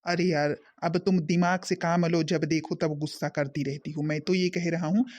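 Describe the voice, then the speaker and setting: A man's voice: fairly high pitch, steady tone, moderate pace, darkish tone, natural voice. A man voicing a scheming greedy husband. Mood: coaxing. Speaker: scheming son-in-law. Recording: dull lo-fi sound.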